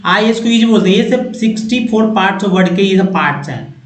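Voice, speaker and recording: A man teaching pronunciation, reading English words slowly one by one and repeating each. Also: high-pitched, expressive, roomy sound, faint music behind, low-quality recording. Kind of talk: pronunciation lesson.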